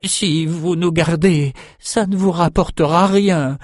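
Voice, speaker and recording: A man's voice: a little high, steady tone, takes it slowly, dry recording, voice pushed up. A man voicing a nervous male shepherd held prisoner, hesitant and stammering, recorded dry.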